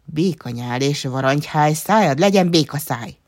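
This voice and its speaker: A woman's voice: low-pitched, animated, a little mellow, no echo, clean studio sound. A woman voicing a stubborn, squabbling little girl fairy who chants spells insistently.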